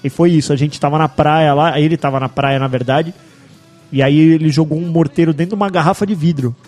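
A man's voice: a little high, steady tone, fairly quick, a little mellow, faint music behind. A man hosting a casual podcast chat, telling stories in slang with sound effects. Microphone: studio microphone with headphones.

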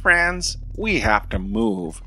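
An eager young ninja hero speaks in an earnest, apologetic way, as a man reads his lines. He talks slowly and carefully. It is a storybook audio adventure. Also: fairly low pitch, very animated, bright, forceful tone, faint music behind, exaggerated voice.

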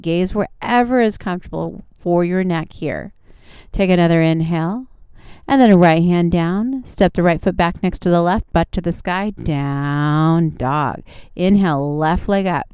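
A woman's voice: on the low side, dark tone, smooth, no echo, studio quality. A woman teaching a guided yoga class as an instructor, giving short, encouraging step-by-step cues. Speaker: yoga instructor and show host.

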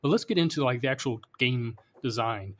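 A man's voice: mid-range voice, a little fast. A man hosting an interview, asking friendly questions in a casual style.

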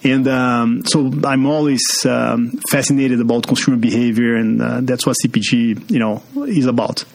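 Speaking at a normal speed in a flat, creaky, medium-pitched voice, this Brazilian man is a marketing executive guesting on a business podcast interview. He has a Brazilian Portuguese accent and keeps using fillers and restarting his sentences.

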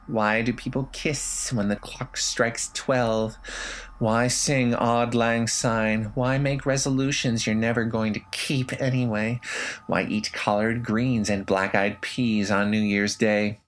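A man's voice: medium pitch, natural voice. A man voicing an eerie, capricious female fairy with a teasing, singsong manner.

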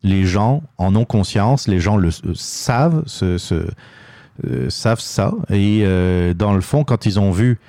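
A man's voice: on the low side, expressive, slow pace, dark tone, no echo, clean studio sound. A man with a Québécois French accent hosting a political commentary show, talking in a hesitant monologue full of fillers and restarts. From Quebec. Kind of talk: opinion monologue.

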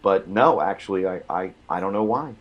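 Husky low-voiced man, dry sarcasm. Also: normal speed, lo-fi sound. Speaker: podcast co-host. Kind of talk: casual chat.

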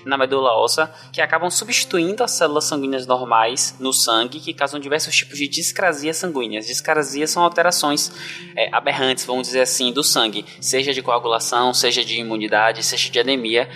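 A man's voice: mid-range voice, a little fast, bright, forceful tone, faint music behind. A man with a Bahian Brazilian accent, explaining conversationally as a podcast panelist. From Salvador, Bahia, Brazil.

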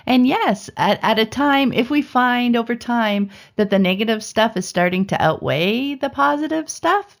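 A woman's voice: fairly high pitch, animated, normal speed, few pauses. A woman co-hosting a podcast, talking casually in a rambling way and restarting her sentences often. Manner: rambling, with many "you know" fillers and restarts. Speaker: podcast co-host.

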